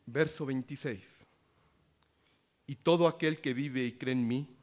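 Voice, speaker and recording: A man preaching a sermon, reading scripture quietly and rising into loud appeals with questions to the congregation. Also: mid-range voice, a little slow. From Latin America.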